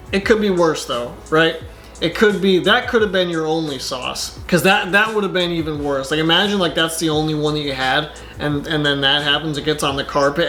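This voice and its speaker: A man's voice: fairly high pitch, sharp tone. A man doing casual reaction commentary on his channel, rambling and exasperated, with lots of filler words. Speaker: YouTuber.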